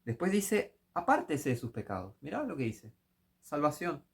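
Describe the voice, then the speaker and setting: A man's voice: on the high side, big pitch swings, moderate pace, creaky, husky. Fiery Rioplatense preacher, a man. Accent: Rioplatense Spanish. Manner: fiery, scolding, rising to shouts. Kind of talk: critical sermon commentary.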